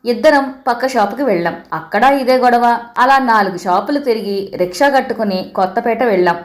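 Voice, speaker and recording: A woman's voice: on the high side, normal speed. Woman narrating a humorous story. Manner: calm, even first-person storytelling.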